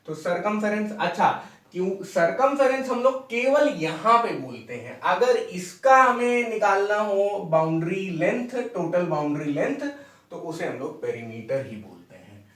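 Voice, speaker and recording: A man's voice: sits high, very animated, measured pace, fairly bright tone, recorded from a distance. A young adult man teaching maths, explaining step by step and checking in with his students. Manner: explains step by step, asks "ठीक है?" often. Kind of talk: classroom lecture at a board. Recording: echoey room, mic away from speaker.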